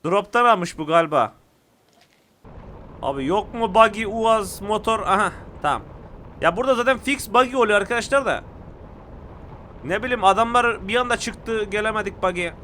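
A young man giving excitable, casual commentary to viewers while playing a mobile shooter game. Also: sits high, normal speed, pauses often, a little hiss or hum.

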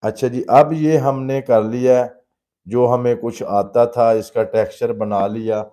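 A man's voice: medium pitch, steady tone, a little slow, dark tone. A man teaching a live painting class, patiently explaining each step in plain everyday words and calling students "beta". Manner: addresses students fatherly as "beta". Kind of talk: live painting demonstration lesson.

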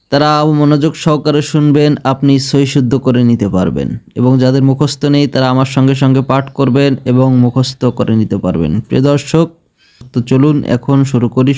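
A man with a Bangladeshi Bengali accent teaching Quran recitation step by step, chanting verses slowly and drawn out between quick explanations. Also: medium pitch, dark tone. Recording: slightly dull lo-fi sound.

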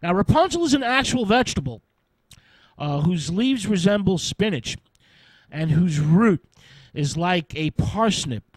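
A man telling a fairy tale on radio, slow and hesitant, leaning on little filler sounds. His voice sits a bit high for a man. The sound is dry and close, with no room around it. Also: expressive, no echo, poor audio. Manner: unhurried, hesitant with frequent fillers. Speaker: radio storyteller.

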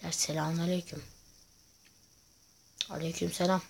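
A man's voice: fairly high pitch, flat delivery, moderate pace, creaky, background noise. A man giving casual gameplay commentary to viewers, chatty and full of crude jokes. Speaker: gaming YouTuber host.

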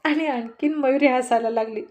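A woman storyteller with a somewhat high voice, narrating a playful family tale. Her telling is lively and amused, a steady read of a serial story. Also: normal speed.

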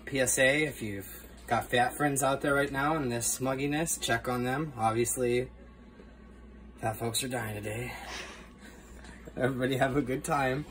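A man's voice: medium pitch, normal speed, long pauses. A man cooking dinner for his kids at home, keeping up a joking, chatty running commentary for a home cooking video. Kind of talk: casual home cooking vlog. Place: home kitchen. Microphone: camera held by a helper. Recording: loud background noise.

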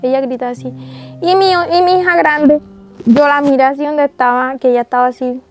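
A woman's voice: sits high, fairly even intonation, a little fast, soft background music. A young woman, giving an earnest, tearful testimony in an interview. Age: young adult. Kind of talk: emotional testimony.

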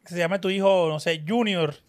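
A man's voice: high voice, moderate pace. A young Colombian man co-hosting a podcast in a studio, teasing his friends and swearing casually. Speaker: podcast co-host. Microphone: studio podcast microphone.

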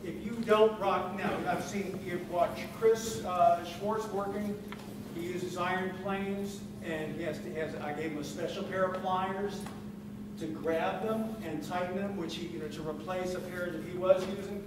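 A man teaching woodworking to a live audience in a large conference room, lively and teasing, quizzing the room as he demonstrates. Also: high voice, a little slow. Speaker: woodworking instructor. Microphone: far camera. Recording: echoey hall, far mic, loud room noise.

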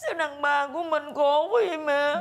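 An actress playing a timid, tearful young daughter-in-law with a Southern Vietnamese accent in a sitcom. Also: female voice, sits high, moderate pace, lightly acted. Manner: whiny and tearful. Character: timid, put-upon young wife. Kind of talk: sitcom acting.

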